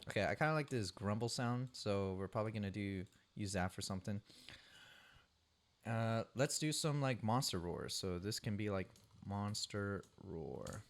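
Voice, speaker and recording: A man's voice: fairly low pitch, moderate pace. Rambling man talking through his editing. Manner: rambling, loses count and corrects himself; talks himself through each editing step. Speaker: creator recording his own sound-design challenge. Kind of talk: casual vlog talk over screen work.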